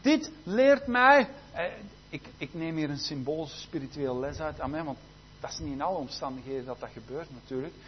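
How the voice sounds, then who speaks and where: A man preaching a sermon, often saying amen and hallelujah, shifting between loud fervent exclamations and quiet intimate passages. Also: steady tone, fast talker. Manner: peppers speech with amen and hallelujah. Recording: dull low-fidelity recording with faint hum.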